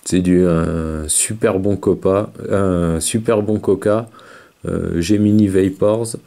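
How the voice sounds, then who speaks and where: Male reviewer, low dark voice, relaxed and halting delivery. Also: gravelly. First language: French. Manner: hesitant, many fillers, talks while vaping. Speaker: vape video reviewer. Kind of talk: casual chat.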